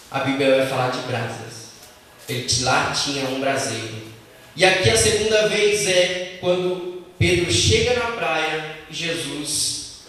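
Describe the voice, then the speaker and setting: High-voiced, animated man preaching. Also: distant mic, a little hiss or hum. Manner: animated storytelling, acts out quoted lines. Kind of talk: sermon. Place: church hall. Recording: echoey hall, mic from afar.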